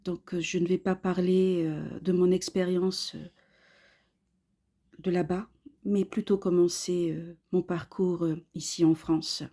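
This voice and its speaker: A woman in her fifties, originally from Australia, tells her own story straight to the listener. Her voice is mellow and warm. She speaks earnestly in short, halting phrases, stopping often to find her words. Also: lowish voice, flat delivery. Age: 50s. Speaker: course student giving a testimonial. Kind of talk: personal testimonial monologue.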